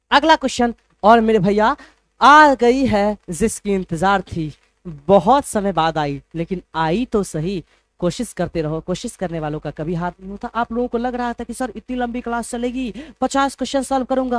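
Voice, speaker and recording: A man's voice: very high voice, no echo. A man teaching English in a live online class, playful and teasing, spelling words out letter by letter.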